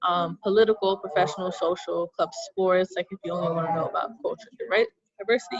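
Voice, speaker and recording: A woman's voice: mid-range voice, muffled recording. A young woman, a student orientation leader, walks through campus web links in a chatty, upbeat way with lots of fillers, over a video call while hiccuping. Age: young adult. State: has the hiccups. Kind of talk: casual screen-share walkthrough.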